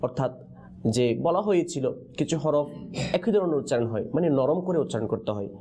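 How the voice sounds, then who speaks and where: A man leads a Quran pronunciation class, his pitch lively and swinging high and low as he drills letter sounds. His tone is mellow and soft. He calls out a question and waits for the students to finish it. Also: a little fast, breathy edge. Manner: call-and-response teaching, prompting answers with questions. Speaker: Quran recitation teacher.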